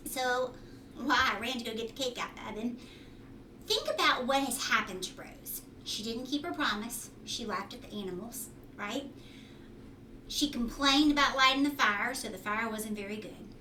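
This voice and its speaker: Bright and forceful, this high-leaning female voice reads a kids' storybook like a teacher, pausing to explain and quiz the audience. She's indoors at home, captured from a distance in a roomy space with slight background noise.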